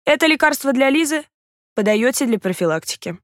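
A brisk, commanding male friend with a doctor's assurance, as a woman reads him in a storybook, pitched a little higher than her own reading voice. He gives instructions crisply and without fuss. The voice is dry and close. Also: expressive, a bit bright, no echo. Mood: brisk, assured.

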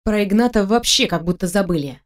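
A woman narrating an audiobook in an even storytelling manner. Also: mid-range voice, a little fast. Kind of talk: scripted narration.

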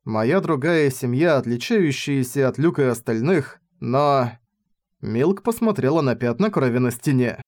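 Male audiobook narrator, steady even reading, mid-pitched voice. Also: a little slow. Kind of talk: scripted narration of a novel.

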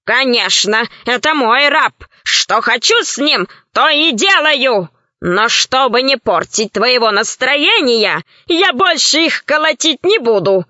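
A woman voicing a brutish, boastful male pirate chief who threatens and brags in drawn-out phrases, in a storybook reading. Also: high-pitched, expressive, bright, forceful tone, no echo, full character voice. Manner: gruff, bragging, drawn-out threats. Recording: slightly dull, dry recording.

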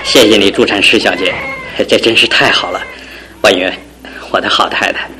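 A man's voice: on the low side, fairly even intonation, moderate pace, pushed and bright, slight background noise, rough recording. An actor playing a bitter, stubborn husband and father who craves a son, in theatrical radio drama style with a stammering delivery. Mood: delighted.

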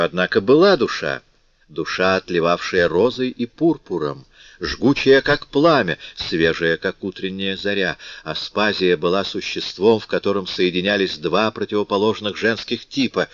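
A man's voice: sits low, fairly bright tone, no echo. A man voicing an eloquent young Parisian who holds forth in a florid, declamatory way, in an audiobook reading. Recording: dull dry lo-fi recording.

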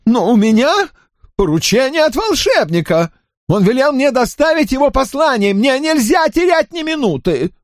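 A man voicing a cowardly, panicky gentleman in high, pleading, shrill tones in an audiobook. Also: big pitch swings, normal speed, dry recording, clean studio sound.

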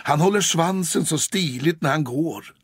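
Audiobook: man doing a shy, admiring she-cat, husky, soft-spoken. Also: fairly high pitch, no room sound, studio quality.

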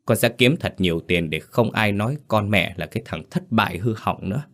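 A man's voice: on the low side, a bit bright. A man playing a cold, scheming young man who speaks curtly and with resentment. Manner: curt, cold, quick and resentful.

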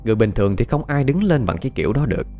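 A man narrating a ghost story in a dramatic, expressive way. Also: medium pitch, racing, soft background music.

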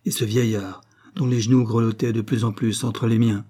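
A low-voiced man narrates a story in a measured, grave manner. His tone is mellow and dark, with a husky edge. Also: level tone. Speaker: audiobook narrator.

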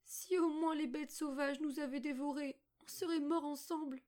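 A woman doing a high, earnest little girl. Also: moderate pace, darkish tone, lightly acted. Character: frightened young girl, gentle and clever.

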